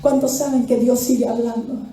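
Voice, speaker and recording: A woman pastor delivers a fervent sermon, her voice high and mellow. She builds to impassioned cries. The sound is echoey and distant, as if picked up from far back in a large church hall. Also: steady tone, fairly quick. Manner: preaching fervently, often rising to cries. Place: church sanctuary.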